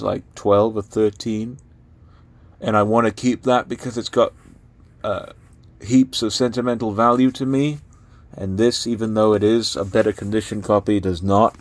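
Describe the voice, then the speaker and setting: A young man casually talking through books he is giving away, rambling with lots of fillers. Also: fairly low pitch. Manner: rambling, filler-heavy, unhurried. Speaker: book vlogger. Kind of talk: casual spoken book review.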